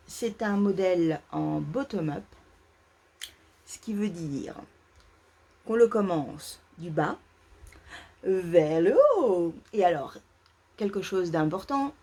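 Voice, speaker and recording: A French woman hosting a knitting podcast chats casually in a knitting vlog, hesitating a lot with many "euh"s, fillers and restarts. Her voice is on the low side and a little mellow. She's indoors at her parents' home and feeling too warm.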